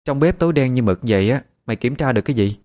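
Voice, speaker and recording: A man's voice: mid-range voice, expressive, very fast, a little mellow, voice pushed up, natural voice. A man voicing a wronged young female servant who talks in an earnest, pleading, sometimes firm way. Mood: firm accusing.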